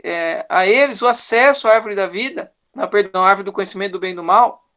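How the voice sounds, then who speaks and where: A preacher with a Brazilian Portuguese accent gives a conversational sermon, tagging many sentences with a questioning "né?", teaching verse by verse and acting out short quoted lines. His voice sits high, fast and sharp.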